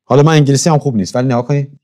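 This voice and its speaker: A man's voice: mid-range voice, fairly even intonation, mellow. A man teaching a church class in a conversational lecture, often stopping to ask his listeners questions and checking how he pronounces foreign words. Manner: conversational, keeps asking the audience questions.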